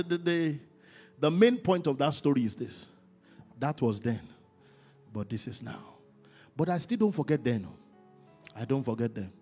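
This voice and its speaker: A man preaching a sermon, moving from quiet talk to shouted, sing-song emphasis. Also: a little high, husky. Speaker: pastor.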